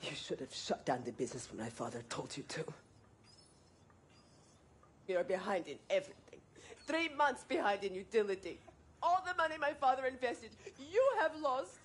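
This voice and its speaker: Expressive, breathy, protective mother. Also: on the high side, moderate pace, slight background noise. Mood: defiant. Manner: careful, formal phrasing without contractions. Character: gentle but defiant, long-suffering mother and wife. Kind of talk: dramatic video game acting.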